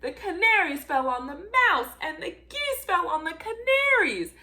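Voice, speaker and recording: With a very high-pitched, sharp voice and big pitch swings, a woman volunteers as a storybook reader for children. Her theatrical reading stretches out the repeated action words for emphasis.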